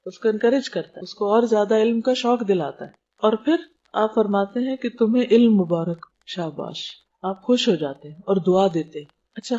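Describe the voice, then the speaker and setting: A woman lecturing on religion with a mellow, warm tone. She explains patiently, pausing to ask her listeners questions and slipping in everyday English words. The recording sounds dull and lo-fi. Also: mid-range voice.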